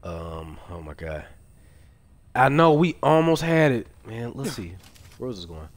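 Excitable swearing male game streamer. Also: medium pitch, unhurried. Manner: excitable, swearing, talks to himself and chat. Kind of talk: live gameplay commentary.

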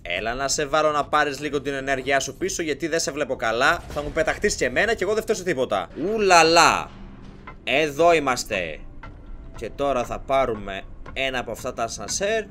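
A man hosting a let's play, giving excitable, jokey commentary as he plays and shouting at game characters. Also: mid-range voice, slight background noise. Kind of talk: live gameplay commentary.

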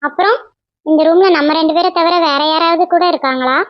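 A woman voicing a young cartoon wife who talks softly and apologetically to her husband. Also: extremely high pitch, fairly quick, no echo, dull audio. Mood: apologetic. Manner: soft, apologetic.

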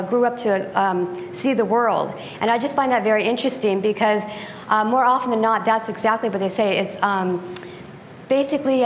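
A guest speaker's voice, a little high, comes through with slight background noise. She is a middle-aged American woman giving a slide presentation in a conference room, chatty in manner and prone to ums and restarts. She speaks into a lectern microphone before moving to a handheld.

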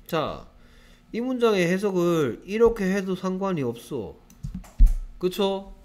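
A man teaching an English grammar lesson to students, lively and constantly checking in with rhetorical questions. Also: high voice, takes it slowly, soft background music.

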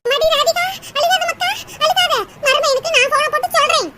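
A woman voicing a loud, scolding village mother-in-law who dotes on her daughter and berates her daughter-in-law, in a cartoon. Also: extremely high pitch, a little fast. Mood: fierce. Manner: scolding, sharp, theatrical wailing. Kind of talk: cartoon voice acting. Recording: loud background noise.

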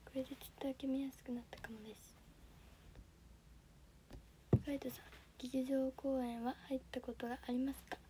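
A teenage girl with a Kansai accent, livestreaming for an audition and politely answering viewer comments in a soft, often half-whispered voice. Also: sits high, flat delivery, a little fast, long pauses, noisy background. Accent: Kansai Japanese. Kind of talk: casual livestream chat reading viewer comments. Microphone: phone camera.

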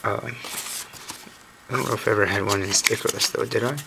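A hoarse man recovering from a lost voice hosts a cube channel video, giving casual unboxing commentary and thinking aloud with mild uncertainty. His lowish voice is brisk and relaxed. Recorded indoors at a wooden table by a camera mic on a tabletop shot of his hands, the home audio carries steady noise.

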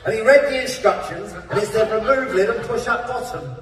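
A man playing a camp, shrill pantomime dame, a gossipy housekeeper delivering an exclaiming comic monologue. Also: brisk, close to an everyday voice. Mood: gushing, gossipy. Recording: echoey hall, distant mic, music.

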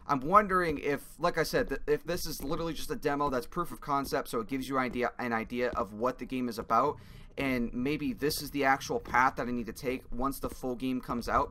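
A man's voice: medium pitch, pushed and bright, a little hiss or hum. A young man giving casual gameplay commentary, rambling as he thinks aloud. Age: young adult. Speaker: gamer reviewing a game demo.

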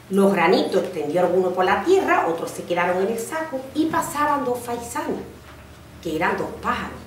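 Woman reading a fairy tale to children, animated pitch, echoey school room, far mic, faint background noise. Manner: lively, expressive, with restarts. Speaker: parent reading aloud at school. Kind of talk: storytelling to children.

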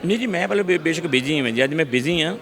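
A middle-aged man, telling lively stories in an interview and acting out voices. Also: fairly high pitch, racing. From Punjab, India. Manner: lively storyteller, acts out voices, frequent restarts. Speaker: actor interviewee. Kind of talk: animated casual interview talk.

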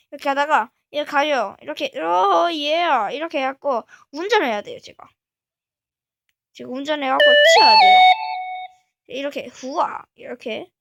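A woman hosting a gaming channel, talking casually through a game step by step and breaking into excited exclamations. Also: high voice, no echo, clean studio sound. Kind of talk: casual gameplay commentary.

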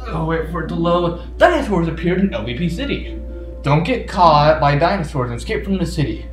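Talking fairly fast in a fairly high voice with big pitch swings, a gaming video host jokes his way through gameplay. He frequently answers the game's characters directly, while game music plays in a roomy, echoey space.

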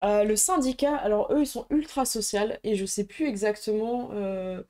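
Woman host, relaxed chat to camera, warm mellow voice, talks in fits and starts. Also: medium pitch, moderate pace. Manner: hesitant, many fillers and restarts. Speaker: tabletop roleplaying game YouTuber. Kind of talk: casual show-and-tell chat.

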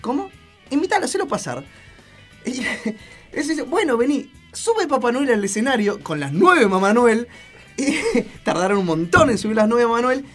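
A man's voice: very high-pitched, very animated, normal speed, fairly bright tone, faint music behind. An Argentine man telling a funny story in a casual radio chat, laughing often. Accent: Argentine Spanish.

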